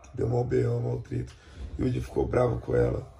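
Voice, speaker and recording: A man's voice: medium pitch, sing-song, fairly quick, gravelly, dark tone, slight background noise. A man from Brazil hosting a casual vlog chat, slangy and plugging a sponsor link, tagging lines with "certo, rapaziada?". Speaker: host.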